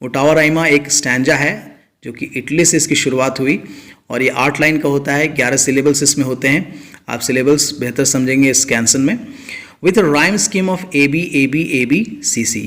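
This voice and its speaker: A male teacher giving a literature lecture, reading definitions slowly and then explaining them in Hindi. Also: medium pitch, fairly bright tone.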